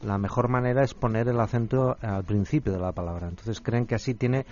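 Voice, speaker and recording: A man's voice: mid-range voice, brisk, darkish tone, highs cut off, a little hiss or hum. A man speaking as a guest expert in a radio discussion, thoughtful and hesitant.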